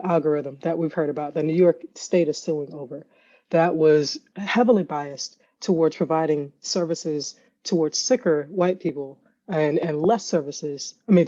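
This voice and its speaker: A woman guest, an AI ethicist, talking casually in an interview and telling lively stories, laughing often and acting out quotes. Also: low-pitched, highs cut off. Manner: animated storyteller, laughs often, acts out quotes.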